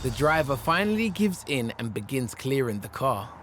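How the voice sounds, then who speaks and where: A man's voice: medium pitch, very animated, moderate pace, background noise. A man reading scripted narration for a police documentary. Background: background music.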